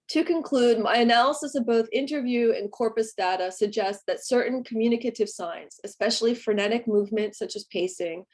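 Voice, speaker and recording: A woman presenting a scripted conference paper in a formal, measured manner. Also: medium pitch, darkish tone. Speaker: academic presenter.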